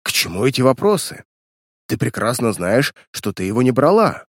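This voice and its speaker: A man's voice: mid-range voice, very animated, moderate pace, dry recording, studio quality. A man voicing a sly, blustering villainous uncle in an audiobook reading, with mocking, indignant outbursts.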